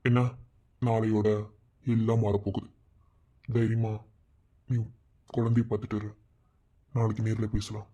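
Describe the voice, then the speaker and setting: A man voicing a calm cartoon husband who soothes his worried wife on the phone. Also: on the low side, a little slow, long pauses. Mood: reassuring. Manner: steady, soothing, firm. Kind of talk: cartoon voice acting. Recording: dull lo-fi sound.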